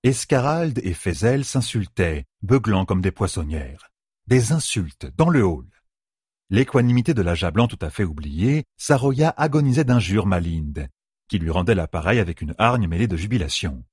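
A man narrating a fantasy novel as a measured audiobook reader. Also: deep voice, very animated, darkish tone, slightly rough, no echo, clean studio sound. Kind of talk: scripted narration.

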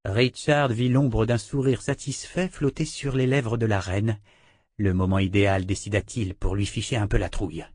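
A man narrating a fantasy audiobook in a measured, expressive reading. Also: on the low side, dry recording, clean studio sound.

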